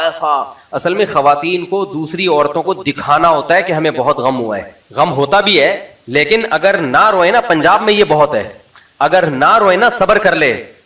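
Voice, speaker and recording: A man giving a humorous religious lecture as an Islamic scholar. He tells stories in an animated way and mimics the people he quotes. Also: a little high, far from the mic. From Pakistan. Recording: roomy sound, voice a little off-mic.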